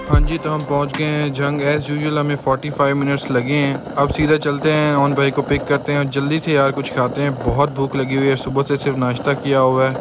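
A man's voice: mid-range voice, brisk, few pauses, music in the background. A young man chatting casually to viewers as he rides his motorbike at night. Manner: chatty, relaxed, addresses viewers as friends. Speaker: motovlogger. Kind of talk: casual vlog narration while riding. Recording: road and traffic noise.

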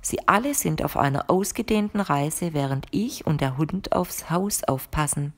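A woman reader voicing a composed, mysterious woman who speaks calmly and firmly to her guest in an audiobook. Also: low-pitched, moderate pace. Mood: explaining calmly. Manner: calm, firm and matter-of-fact. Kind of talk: audiobook character reading.

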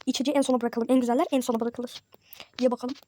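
A woman with a high, bright-pitched voice narrates a role-play game vlog. She chats straight to her viewers and lets out dramatic sighs of exasperation. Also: flat delivery, rapid-fire.

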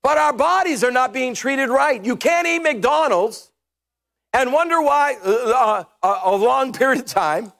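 This middle-aged pastor speaks in a very high, gravelly voice at a slightly slow pace. Preaching an animated, humorous sermon from a church stage through a headset mic, he occasionally shouts his points.

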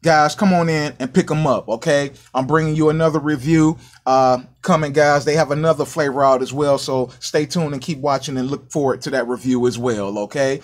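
A man's voice: a little high, fairly even intonation, brisk, few pauses. An American man hosting a casual food review vlog, upbeat and chatty, often addressing his viewers and dropping catchphrases. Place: small indoor counter by a sink.

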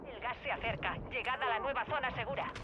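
A man voicing a terse in-game battle announcer who gives clipped, flat status alerts. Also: very high-pitched, quick pace, dull audio. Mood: curt. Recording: distant voice under loud gunfire. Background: gunfire and vehicle noise.

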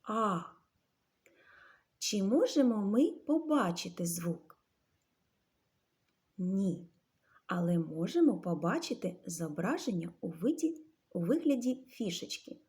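A woman leads young children through a literacy lesson. She talks slowly and sounds words out syllable by syllable. Her pitch swings up and down in a lively, animated way. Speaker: teacher.

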